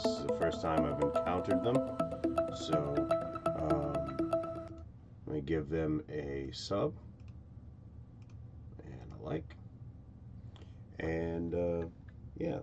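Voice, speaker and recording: Male show host, very low voice, casual streaming commentary with theatrical mock-grand flourishes, loud music underneath. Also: distant mic. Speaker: host of online short film show.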